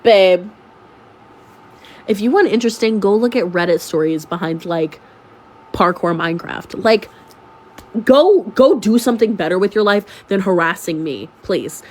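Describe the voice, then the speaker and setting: Speaking a little slowly in a mid-range voice and leaving long pauses, a young woman recounts a messy personal story in a sarcastic storytime vlog. She is sick and somewhat congested, yet her dramatic retelling stays animated and sarcastic.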